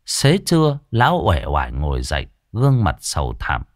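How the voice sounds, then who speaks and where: A man's voice: extremely low pitch, normal speed, dry recording, studio quality. A man narrating a horror folk tale in a dramatic storytelling style. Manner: animated, swooping delivery. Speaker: audiobook narrator.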